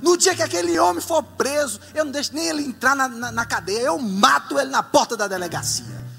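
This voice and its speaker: A man voicing his fiery, hot-tempered grandfather in his nineties, loud and fierce. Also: very high voice, a little fast, vocal fry, faint music behind, voice pushed up, heavily acted. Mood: furious.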